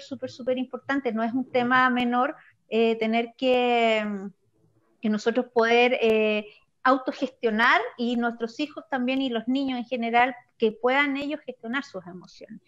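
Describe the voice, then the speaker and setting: A woman chatting animatedly as co-host, restarting her words often. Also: a little high. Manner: animated, quick, stumbling restarts. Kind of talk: casual talk show conversation. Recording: slightly dull lo-fi sound.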